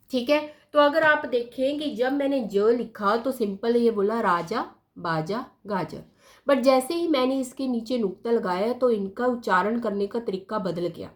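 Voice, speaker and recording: Woman teacher, higher voice, unhurried board lesson that repeats each word. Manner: repeats words slowly for pronunciation, asks pupils questions. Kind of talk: slow classroom explanation at a board.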